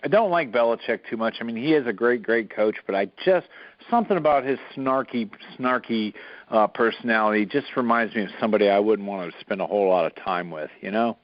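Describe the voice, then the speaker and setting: A man co-hosting a casual sports talk show, speaking haltingly with many fillers, recorded with dull lo-fi sound. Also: on the low side, no echo.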